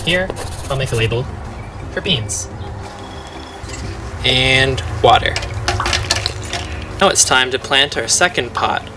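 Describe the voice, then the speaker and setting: A man's voice: medium pitch, lively intonation, slow, pauses often, music in the background. A young man, a farm educator, walking through planting steps in a playful, upbeat teaching manner. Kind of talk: instructional demonstration.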